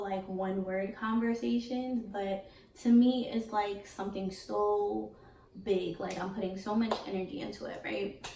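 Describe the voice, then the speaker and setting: A young beauty vlogger tells her viewers a casual storytime, chatty and candid and packed with slang. Her medium-pitched voice sits far from the mic in a noticeably echoey room, with a faint hiss underneath.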